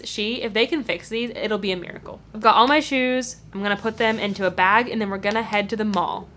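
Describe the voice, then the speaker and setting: This is a casual vlog: a woman in her twenties talks to her camera at home, then later from a parked car, with the on-board mic at arm's length. Her mid-range voice is fairly bright, and her chatty delivery is slightly self-conscious and packed with filler words.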